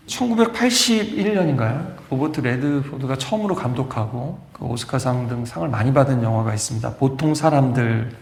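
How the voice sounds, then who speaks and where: A man's voice: medium pitch, gravelly. A male pastor delivering an emphatic storytelling sermon, acting out quoted lines as he goes. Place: church sanctuary. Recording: echoey church hall with long reverb.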